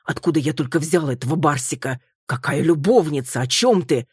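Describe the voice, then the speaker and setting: A woman voicing a husband who makes soft, pleading excuses to calm his angry wife. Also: low-pitched, fairly quick, breathy edge, no room sound, studio quality. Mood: placating. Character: evasive husband, man, placating.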